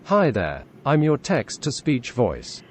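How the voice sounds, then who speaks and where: A synthetic male text-to-speech voice with a British accent, reading text aloud in an even, measured way. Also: mid-range voice, slight background noise. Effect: synthetic text-to-speech computer voice.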